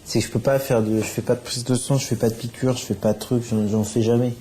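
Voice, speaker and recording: A TV host chats with his guests, easygoing and colloquial, fond of a joke. His voice is mellow and warm, with faint noise behind him. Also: medium pitch, steady tone, quick pace, poor audio. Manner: joking, informal, colloquial. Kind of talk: casual chat.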